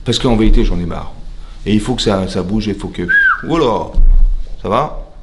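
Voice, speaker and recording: A man, a rabbi, giving a lively religious lesson. He asks rhetorical questions and keeps checking that his listeners follow him. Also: lowish voice, moderate pace. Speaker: rabbi teaching a class. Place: lecture hall.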